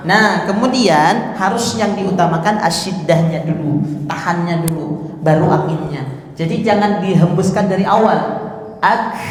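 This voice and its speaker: A man's voice: high voice, a little mellow. A man teaching Quran pronunciation, patiently drilling each sound by repeating it. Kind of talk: tahsin pronunciation lesson. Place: mosque hall. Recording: echoey mosque hall with long reverb.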